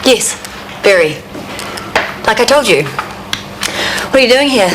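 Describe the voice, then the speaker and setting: TV soap cool, guarded woman, curt delivery, varied pitch, clear background noise. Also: lively intonation, slow. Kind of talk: naturalistic TV soap acting. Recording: noisy set ambience behind dialogue.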